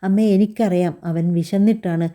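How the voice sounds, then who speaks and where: A young new mother in a spoken family story, voiced by a woman. She speaks softly and with restraint, yet holds firm. The tone is very dark and mellow. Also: medium pitch, steady tone, moderate pace, lightly acted. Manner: soft, restrained.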